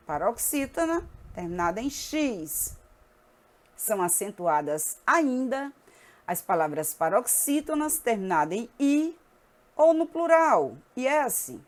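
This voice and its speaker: A woman teacher giving a grammar lesson, explaining rules and checking in with her students as she goes. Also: fairly high pitch. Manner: lively, checks in with the class.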